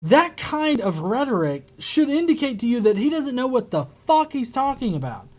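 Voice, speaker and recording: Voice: medium pitch, sing-song, normal speed, darkish tone. Smug, sarcastic reaction commentator. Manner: smug, sarcastic, mocking, swearing. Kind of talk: unscripted reaction commentary debunking a video.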